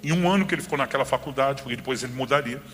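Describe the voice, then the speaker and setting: A middle-aged male pastor preaches at a brisk clip, his voice bright and forceful as he tells a personal story and slips into the voices of the people in it. The sound rings with a long hall reverb. Soft music plays faintly underneath. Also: medium pitch. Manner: lively storyteller who acts out dialogue.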